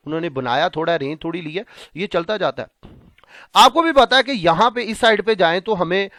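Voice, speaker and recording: A man giving a math lecture. He calls his students "beta", asks them questions and answers them himself, and reads English definitions out slowly. He speaks Hindi-Urdu with a Pakistani Punjabi accent. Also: high-pitched, expressive, pushed and bright, no room sound. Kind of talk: classroom lecture.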